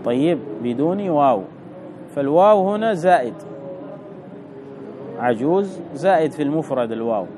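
A man teaching Arabic grammar, reading a text and explaining it slowly, repeating key words and putting questions to the listener. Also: on the high side, expressive, background noise.

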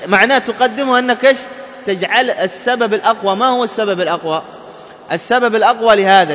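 A man's voice: sits high, bright, forceful tone. A man teaching a lesson, asking his class questions, answering them himself and chanting example words. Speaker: Quran recitation teacher. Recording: muffled, reverberant hall.

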